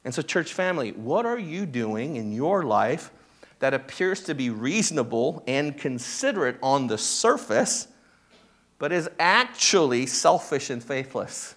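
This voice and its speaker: Male pastor, sermon delivery, slow and conversational, livens up to act out scenes. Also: medium pitch. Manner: conversational, checks in with "right?" and "okay?"; animated when acting out the disciples' reactions.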